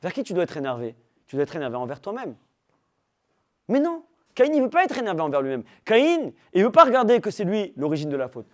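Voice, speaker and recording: A man teaching a religious class to young people, animated, firing rhetorical questions at the room and teasing his listeners. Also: high-pitched, brisk. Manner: teasing humor with the audience. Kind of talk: lively religious class talk.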